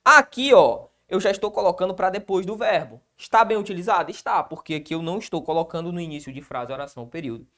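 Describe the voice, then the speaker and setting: A man's voice: high-pitched, quick pace, hardly any pauses, pushed and bright. A Brazilian man teaching grammar in an exam-prep video lesson. He asks his own rhetorical questions and answers them himself. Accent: Brazilian Portuguese.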